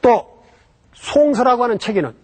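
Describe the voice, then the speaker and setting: A man's voice: very high-pitched, sing-song, moderate pace, darkish tone. A man giving a history lecture about Japan, explaining step by step and posing rhetorical questions that he then answers himself.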